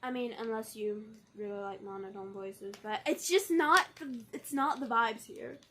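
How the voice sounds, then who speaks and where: A young woman chatting playfully to camera as a vlogger, full of quick asides and jokes, swinging between lively bursts and low, mumbled stretches. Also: a little hiss or hum. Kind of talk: casual chat to camera.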